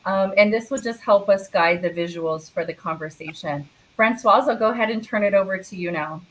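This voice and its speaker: A woman's voice: medium pitch, brisk, slight background noise, low-quality recording. A woman moderating a virtual panel, introducing speakers in an upbeat way with frequent ums.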